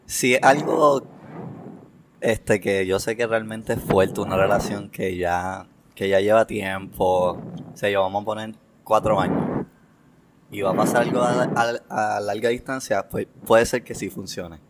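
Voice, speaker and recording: A man's voice: lowish voice, unhurried, background noise. A man with a Puerto Rican accent giving his opinions in a casual podcast chat as a guest.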